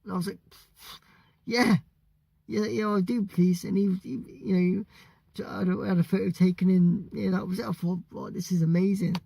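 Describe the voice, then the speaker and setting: A British man from the UK telling a story casually, excitable and stumbling over his words. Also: high voice, fairly quick, vocal fry, slightly rough, no room sound. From United Kingdom. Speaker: vlogger.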